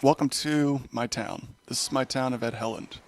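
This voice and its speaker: A man's voice: medium pitch, steady tone, normal speed, a little hiss or hum, natural voice. A man doing a proud half-elf town leader.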